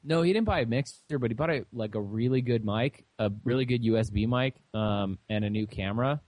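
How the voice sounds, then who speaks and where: A young man co-hosting a casual podcast chat, talking in a halting way with lots of fillers and restarts. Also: medium pitch, a little mellow, no room sound. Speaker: podcast co-host.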